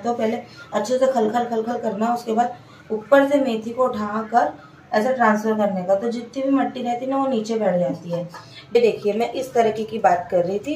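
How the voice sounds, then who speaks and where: Woman, cooking vlog, slightly high voice, echoing kitchen. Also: darkish tone, slight background noise. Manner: chatty, explains each step to viewers. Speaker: home cook vlogger. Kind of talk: casual cooking vlog narration. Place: home kitchen. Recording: echoey kitchen, mic far off.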